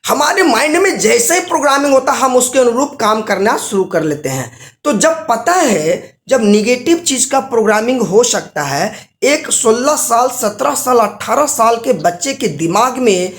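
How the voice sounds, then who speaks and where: A man's voice: very high voice, very animated, moderate pace, a bit bright, reverberant. A man giving a live motivational seminar talk, quizzing the audience with rhetorical questions and telling stories with acted-out examples. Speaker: motivational business trainer.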